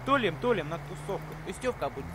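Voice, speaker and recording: A young man doing excited gameplay commentary, exclaiming often in street slang. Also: high-pitched, fast, background noise. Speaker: gaming video host.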